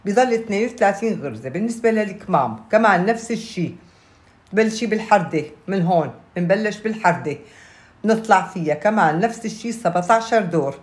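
A woman's voice: mid-range voice, expressive, quick pace. A woman with a Levantine Arabic accent giving a casual step-by-step craft tutorial, repeating key steps and checking in with her listeners. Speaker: knitting instructor. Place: indoors at a table, hands-only camera view.

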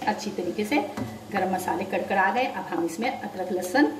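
A woman's voice: mid-range voice, normal speed. A woman hosting a cooking channel, patiently explaining each step and giving tips at her home stove. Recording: echoey kitchen, mic far off, loud sizzling noise. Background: frying and sizzling.

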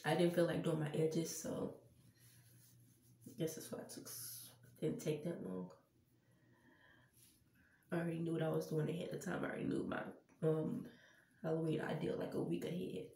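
In a low, mellow monotone at normal speed, a congested young woman chats with her viewers, pausing often. She calls them y'all while getting ready in a casual Halloween makeup vlog. She's filmed in a small tiled bathroom by a camera on a stand a few feet away, and the sound carries a roomy echo.

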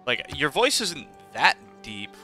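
A man's voice: on the high side, sing-song, slow pace, pushed and bright, soft background music. A young man co-hosting a podcast in casual chat, rambling and laughing often, with casual swearing. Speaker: podcast co-host.

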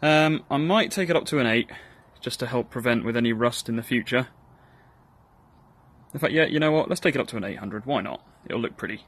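A hobby blacksmith from Northern Ireland talks through a workshop build in a casual, self-deprecating way, full of ums and uhs. His mid-range voice is expressive and slightly bright, and he speaks fairly quickly.

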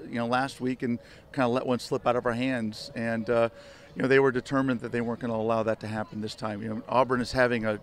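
Older male coach, even monotone delivery, rambling postgame answers into handheld mics outdoors. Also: medium pitch. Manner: rambling, many restarts and "you know" fillers. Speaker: head soccer coach. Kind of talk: postgame media interview. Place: outdoor stadium field at night. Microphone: handheld reporter mics held close.

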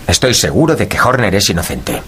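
Warm-hearted gentleman doctor, radio drama, earnest, polite, rather low, faint background ambience. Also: sing-song, brisk, a little hiss or hum.

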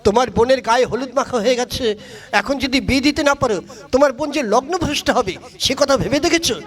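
A man's voice: extremely high pitch, fast, faint music behind. A man doing a bossy scolding matchmaker. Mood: coaxing. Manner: scolding, commanding. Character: bossy middle-aged male matchmaker. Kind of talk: comic puppet-show voicing.

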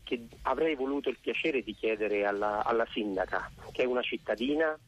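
A man's voice: medium pitch, fairly quick. A man calling in to a radio show over the phone, hesitating at first and then pressing an insistent complaint. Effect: phone-line voice on a radio call-in. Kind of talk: call-in question on air.

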